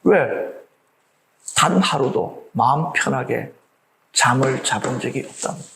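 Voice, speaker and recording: A man preaching a sermon in an animated way, asking the congregation rhetorical questions and acting out the voices of the people in his story. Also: medium pitch, unhurried, gravelly, a little hiss or hum, low-quality recording. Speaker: pastor.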